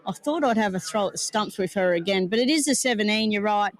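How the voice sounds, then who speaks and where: Aussie guy doing race previews, upbeat, quick with his picks and banter. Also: sits high, expressive. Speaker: racing analyst. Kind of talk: racing broadcast chat.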